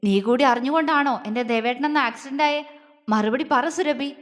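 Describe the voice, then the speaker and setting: Woman doing a fierce, shouting young wife in an audio drama, high voice, long reverb. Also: normal speed, close to an everyday voice. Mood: furious. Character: furious young wife confronting a betrayer.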